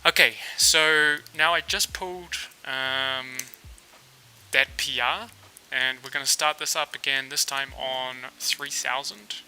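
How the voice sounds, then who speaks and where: Speaking slowly in a mid-range voice, this developer from New Zealand runs a casual coding livestream and thinks out loud, filler words and all. He sounds relaxed, but the audio is rough, with a bit of hiss or hum.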